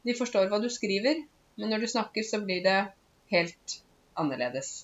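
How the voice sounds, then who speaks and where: A woman giving a casual spoken language lesson, stopping to explain words slowly with many fillers. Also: mid-range voice, lively intonation, dull audio. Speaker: Norwegian language teacher.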